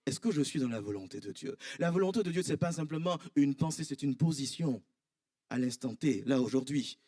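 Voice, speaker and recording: A man in his thirties, a pastor with an Ivorian French accent, preaching a sermon. He swings from high, emphatic cries to low, quiet asides. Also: lively intonation, a little fast, no echo, studio quality. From Ivory Coast. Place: church.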